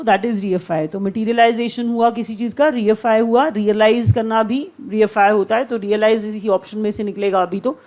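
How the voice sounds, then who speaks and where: A woman with a slightly raised voice gives an online vocabulary lesson. She goes over each word and its meaning again and again, and reads the example sentences aloud slowly and carefully. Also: a little high, darkish tone. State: occasional coughing. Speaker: vocabulary teacher for exam preparation. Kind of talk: online vocabulary lecture mixing Hindi and English.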